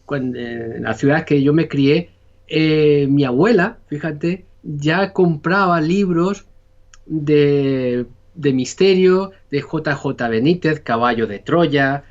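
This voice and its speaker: A man's voice: a little high, slow pace. Rambling Spanish man, muffled audio. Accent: Spanish (Spain). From Spain. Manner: rambling, many fillers and restarts. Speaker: podcast guest. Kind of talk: casual conversation.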